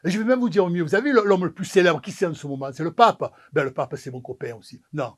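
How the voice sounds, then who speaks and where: A man spins a comic yarn about his own life, his voice sitting noticeably high for a man. He throws himself into the dialogue and acts out each character as the story unfolds. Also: fast. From Marseille, France. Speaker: pizza maker telling his story.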